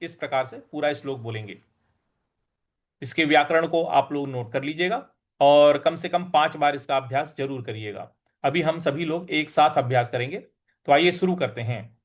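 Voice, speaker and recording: A man teaching how to recite Sanskrit verse, breaking words into syllables and repeating them slowly and deliberately. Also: fairly high pitch. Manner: slow, deliberate syllable-by-syllable drilling.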